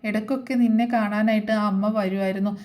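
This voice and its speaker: A woman voicing a kind young woman who gently consoles her younger sister, hesitant and soothing. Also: mid-range voice, fairly even intonation, fast talker, close to an everyday voice. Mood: gentle.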